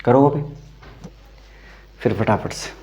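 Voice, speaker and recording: A man's voice: mid-range voice, slow pace, mellow. A man teaching an English grammar class in Hindi, explaining step by step, calling his students "beta" and checking if they understood. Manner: explains step by step, asks "samajh mein aaya?"; calls students "beta", repeats "theek hai". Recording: dull lo-fi sound.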